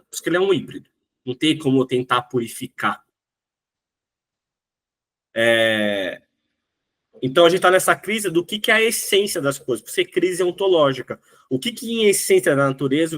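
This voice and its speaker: In a recorded lecture, a man with a slightly high, fairly bright voice and a Brazilian Portuguese accent teaches a class. He explains things step by step, checking in often with the tag question "né?"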